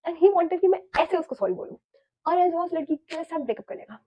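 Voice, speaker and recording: A woman's voice: extremely high pitch, lively intonation, a little fast. A young woman from India, telling a storytime vlog casually and with animation, mixing Hindi and English and swearing freely. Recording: slightly dull lo-fi audio.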